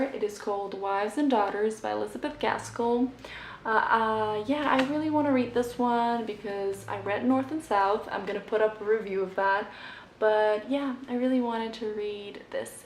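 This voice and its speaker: Chatty woman with many fillers, echoey room. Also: fairly high pitch. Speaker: book vlogger. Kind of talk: casual book haul chat. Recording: echoey room, faint background noise.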